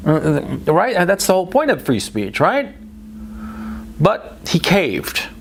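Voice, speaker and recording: Gravelly-voiced man on a blunt rant. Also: high voice, wildly swooping pitch, slow, slight background noise. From Chile and the United States. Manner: emphatic, blunt, repeats for stress; speech full of restarts and tag questions. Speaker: political commentator. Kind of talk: opinionated monologue.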